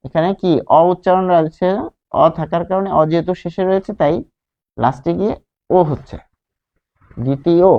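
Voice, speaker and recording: A male teacher giving a grammar lesson who explains slowly, repeats key words and asks the class questions. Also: high voice, dark tone. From Bangladesh. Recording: dull lo-fi sound.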